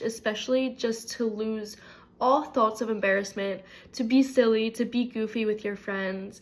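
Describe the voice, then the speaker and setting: A bubbly, energetic woman of twenty-one introducing herself for a job, her voice a little stuffy from a cold. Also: medium pitch. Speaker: job applicant. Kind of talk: upbeat self-introduction video.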